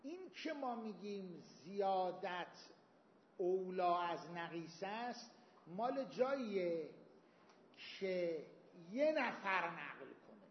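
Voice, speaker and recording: A man with a high voice gives a seminary lecture, walking through legal reasoning with everyday examples and Arabic quotations. The sound is echoey, as in a hall, with a long reverb tail. The recording is slightly dull and lo-fi. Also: big pitch swings, a little hiss or hum. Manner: explains with everyday examples, quotes Arabic texts. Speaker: seminary teacher. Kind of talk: Islamic jurisprudence lecture.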